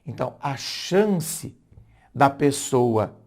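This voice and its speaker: A man's voice: medium pitch, lively intonation, extremely slow, creaky, darkish tone. A Brazilian man, a philosopher, talking casually about relationships, reflective and rephrasing himself often with fillers and restarts. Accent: Brazilian Portuguese. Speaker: philosopher giving relationship advice. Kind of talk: casual spoken lesson to camera.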